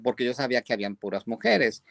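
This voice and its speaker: A man hosts a casual interview in a mid-range voice that sounds dry and close. He is chatty and tells stories, with frequent pauses and hesitations. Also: medium pitch, expressive, gravelly, fairly bright tone, dry recording. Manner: chatty storyteller with many "este" fillers. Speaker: host.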